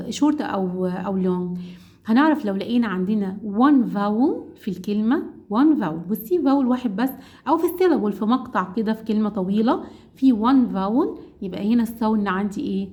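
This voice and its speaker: A woman's voice: mid-range voice, warm tone. A woman with an Egyptian Arabic accent teaching English phonics to mothers, asking and answering her own questions and drawing out vowel sounds. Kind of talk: explaining a phonics lesson to mothers.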